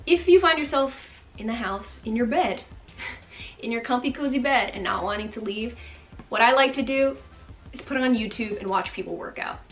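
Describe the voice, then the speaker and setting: A woman in her twenties giving upbeat fitness tips to camera in a bright bedroom, chatty and coaxing, often checking in with "okay?". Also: a little high, normal speed, faint music behind. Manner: energetic, chatty, coaxing with frequent "okay?" and big hand gestures. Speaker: fitness vlogger. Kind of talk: upbeat motivational talk to camera.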